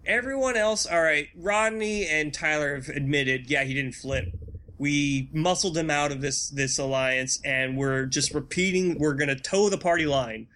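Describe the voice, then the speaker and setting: Picture a man co-hosting a laid-back podcast, his voice sitting a little high and ringing bright and forceful. He banters loosely, tossing in goofy jokes and quick asides. The feel is an easy, unscripted chat between friends. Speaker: podcast co-host. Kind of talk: casual chat.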